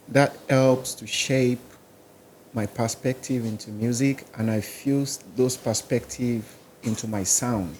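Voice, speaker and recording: Guesting on a podcast interview, a Nigerian-accented musician rambles casually, running through lists of places and languages. He has a warm, mid-range voice, and there is slight background noise.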